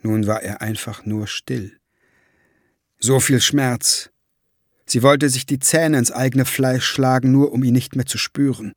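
A man reading an audiobook in slow, measured scripted narration. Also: mid-range voice, steady tone, no echo, studio quality.

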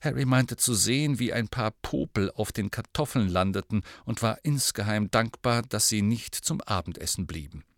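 A man reading a story aloud in steady scripted narration. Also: lowish voice, normal speed, few pauses, no room sound, studio quality. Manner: steady storytelling with voiced dialogue. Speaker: audiobook reader.

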